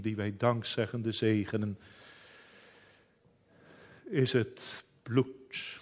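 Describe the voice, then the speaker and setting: A man preaching a sermon in a solemn, old-fashioned biblical manner. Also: fairly low pitch.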